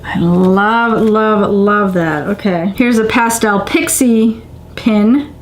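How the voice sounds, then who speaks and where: A woman's voice: medium pitch, slow, poor audio. A middle-aged woman chatting casually to camera as she unboxes items, with gushing exclamations among plain remarks. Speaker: vlogger unboxing a subscription box. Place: indoors, home living room on a couch.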